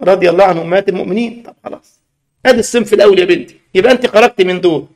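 A man's voice: high voice, racing, a little mellow. A man with an Egyptian Arabic accent preaching a sermon, emphatic and scolding with rhetorical questions.

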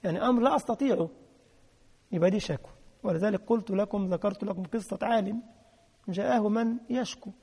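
Speaking quickly in a high, gravelly, darkish voice with a breathy edge, a man delivers an emphatic sermon in an Egyptian Arabic accent. He repeats key phrases and tests his listeners, all under long hall reverb.

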